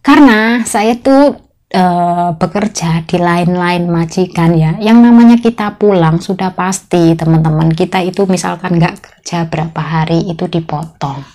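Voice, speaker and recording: A woman in her thirties with a Javanese accent, a migrant domestic worker telling her own story to viewers in a chatty, expressive way with frequent exclamations. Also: on the low side, moderate pace. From Indonesia. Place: employer's home, indoors.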